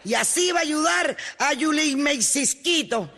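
A man voicing an indignant older woman who complains loudly in a radio comedy sketch. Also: very high voice, animated, a little slow, big-room sound, crowd noise, exaggerated voice.

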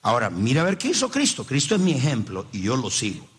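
Male pastor for a sermon: husky voice, very animated pitch, emphatic and direct with the congregation. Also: fast talker.

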